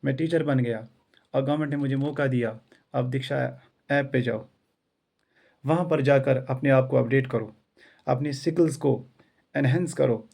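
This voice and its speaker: Male teacher from India, earnest motivational talk, gravelly voice, mellow dark tone, repetitive rhetoric. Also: mid-range voice, normal speed, pauses often. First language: not English; self-taught English. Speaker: school English teacher.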